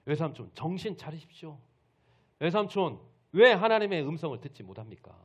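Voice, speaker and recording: A man voicing an indignant biblical man who loudly scolds his uncle with reproachful rhetorical questions. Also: medium pitch, big pitch swings, normal speed, highs cut off, natural voice.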